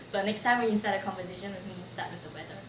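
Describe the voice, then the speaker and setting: A Singaporean woman in her twenties, being interviewed, chats casually about her personal life, packing her speech with "like." Her mid-range voice races along over a noisy background. The recording sounds roomy, with a distant mic and faint ambience.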